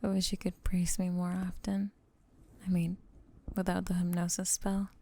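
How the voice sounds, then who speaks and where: In an intimate ASMR roleplay, a young woman voices a lamia roommate who is lovestruck and possessive. She whispers slowly and tenderly, breathy and coaxing, with a lowish pitch and a dark tone.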